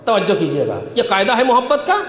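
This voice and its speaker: High-pitched impassioned preacher in an echoey hall. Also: male voice, sing-song. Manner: preaching with rising shouted peaks and quotes in Arabic. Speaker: Shia cleric giving a majlis sermon. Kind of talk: impassioned religious sermon.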